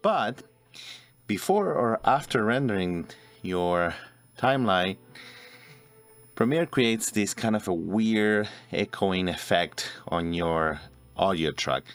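A man in his forties hosts a video editing tutorial, narrating it step by step in a deep, animated voice at a slow pace with long pauses. He's in an indoor room at a computer, with music in the background.

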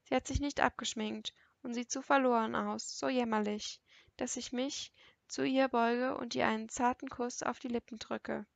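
A woman narrating a first-person novel as an audiobook, in an intimate, even storytelling manner. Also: on the high side, moderate pace, vocal fry, no echo.

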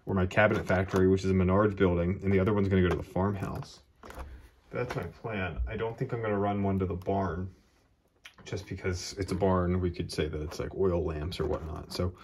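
A man with a low-sitting voice, slightly marred by hiss or hum, casually explains his model railroad scenery work. He's relaxed and thinks aloud as he goes, giving a laid-back how-to narration from the hobby room beside his train layout.

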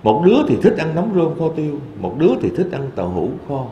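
A man, a Buddhist monk, giving a dharma talk in a temple hall with lively storytelling. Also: on the high side, quick pace, a little hiss or hum. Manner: lively storytelling, quoting voices in asides.

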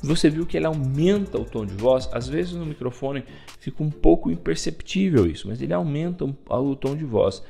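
A man hosting a software tutorial, explaining each step and pointing things out as he goes. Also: a little high, expressive, normal speed, gravelly, faint music behind. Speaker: video tutorial host. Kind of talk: screen-recorded software tutorial.

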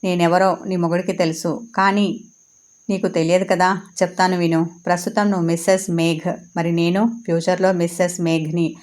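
A woman's voice: on the low side, level tone, moderate pace, darkish tone, lightly acted. A woman voicing a scheming young female rival who speaks in a sarcastic, taunting way.

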